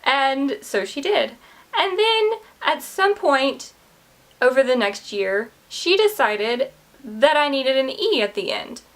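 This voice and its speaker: A woman in her late twenties chats straight to camera as a book vlogger, her voice sitting a little high for a woman. She is candid and self-deprecating, laughing at her own awkward stories. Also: very animated, slow pace, a bit bright. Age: 20s. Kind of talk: casual talk to camera.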